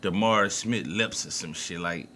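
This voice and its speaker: A man's voice: low voice, normal speed, pushed and bright, a little hiss or hum. A man with a New Orleans accent co-hosting a podcast, talking sports in a loose, profane, emphatic way. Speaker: podcast co-host. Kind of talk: casual sports talk.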